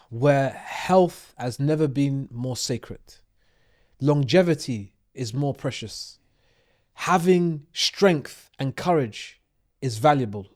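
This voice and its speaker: A man hosts a podcast interview in a mid-pitched voice. He talks in a measured, deliberate way as he brings in his guest and shares stories from his own life. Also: a little mellow. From United Kingdom. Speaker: podcast host.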